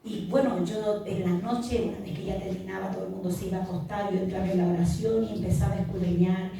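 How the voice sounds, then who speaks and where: A woman's voice: mid-range voice, fairly even intonation, fast, background noise. A middle-aged woman pastor telling an earnest, vivid testimony in a podcast interview, recorded with the mic far off in an echoey room. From Chile.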